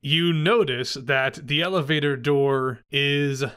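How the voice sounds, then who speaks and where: Bright-voiced man running a tabletop game. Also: on the high side, steady tone, slow pace, clean tone. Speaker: game master. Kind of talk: improvised tabletop game narration.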